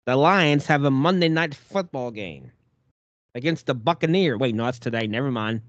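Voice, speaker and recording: A man's voice: mid-range voice, normal speed, no room sound, lo-fi sound. A man co-hosting a podcast, chatting casually and playfully about football. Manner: animated, playful teasing. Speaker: podcast co-host. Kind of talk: casual sports chat. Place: Detroit.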